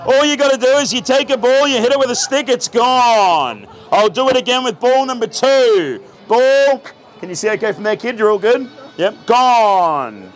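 Speaking at normal speed with lively intonation, a man with an extremely high-pitched voice performs as a theatrical street magician. He is Australian, in his thirties, joking and projecting to a crowd at an outdoor night street market. The outdoor camera recording has crowd noise and music in the background.

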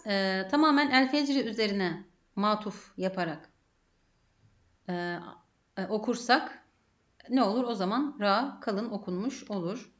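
A Turkish-accented woman talks through a grammar lesson in a methodical way, often putting a question and answering it herself. Her voice sits at an ordinary pitch, and the recording is dull and lo-fi. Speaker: Arabic grammar teacher.

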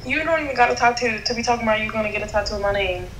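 A woman's voice: on the high side, rapid-fire, fairly bright tone. A woman in her early twenties with an American accent, chatting casually and skeptically in slang over a phone video call. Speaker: video-chat caller. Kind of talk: casual chat. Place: indoor room at home. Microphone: phone at arm's length, video call. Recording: faintly noisy video-chat audio.

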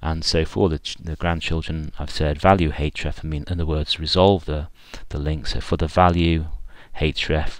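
Man, very low voice, dry close mic; casual screencast demo, thinks aloud. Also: no echo. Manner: thinking aloud with fillers and restarts. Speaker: software developer giving a screencast demo. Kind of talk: unscripted screencast walkthrough.

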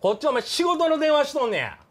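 A man with a Kansai accent playing a loud, bullying middle-aged café customer who blusters and threatens in a comedy sketch. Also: extremely high pitch, very animated, quick pace, exaggerated voice. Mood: threatening. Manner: blustering, threatening, keeps saying "you".

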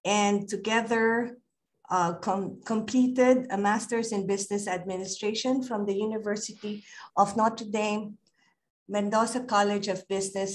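An older woman reads a speaker introduction at a slow, deliberate pace. Her delivery is measured and ceremonial. She speaks into a computer mic on a video call. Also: mid-range voice. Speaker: webinar host. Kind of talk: reading a formal speaker introduction.

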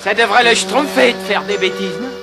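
A man's voice: high voice, a little fast, gravelly, music in the background. A man in a French cartoon dub voicing a polite but put-upon little handyman creature, hesitant and easily exasperated. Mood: busy, brisk.

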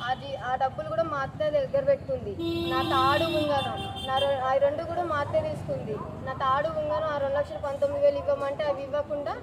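A woman's voice: high-pitched, steady tone, fast. A young woman in her twenties, making an urgent, pleading appeal to officials outdoors and repeating herself as she talks. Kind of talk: distressed street appeal to reporters. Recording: street recording with traffic noise. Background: traffic and street noise.

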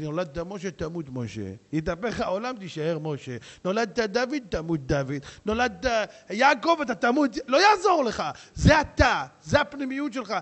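A man, a rabbi, preaching a sermon with jokes and acted dialogue, shifting between shouts and hushed asides. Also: high voice.

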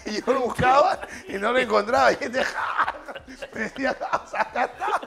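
High-voiced Peruvian man, laughing storyteller. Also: normal speed, creaky, crowd noise. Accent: Peruvian Spanish. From Peru. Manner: laughing, acts out shouts in his stories. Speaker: host, former footballer. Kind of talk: casual storytelling chat.

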